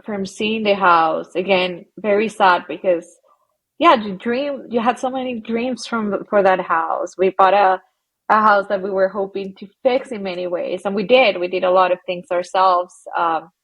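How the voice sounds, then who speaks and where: A woman from Colombia speaks as a guest in a relaxed interview. Her voice is husky and a bit breathy, and she talks in a reflective, halting way. She often pauses to gather her thoughts. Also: medium pitch, rough recording. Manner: reflective, halting, laughs softly between phrases. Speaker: guest, psychologist. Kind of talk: casual interview conversation.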